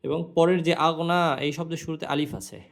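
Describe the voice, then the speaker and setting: A man teaching Quran recitation, spelling out each letter and vowel mark, then chanting the verse in long drawn-out notes. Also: on the high side, steady tone, gravelly. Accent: Bangladeshi Bengali.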